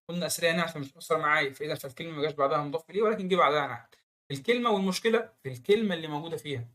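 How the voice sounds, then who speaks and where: A man with an Egyptian accent teaching Arabic grammar, quizzing the viewer with quick rhetorical questions. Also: a little high, bright, forceful tone. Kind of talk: online grammar lesson.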